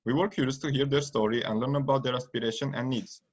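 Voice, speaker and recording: A man's voice: medium pitch, steady tone, quick pace. A man who is a student presenter, reading a prepared script for a presentation. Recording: dull lo-fi recording.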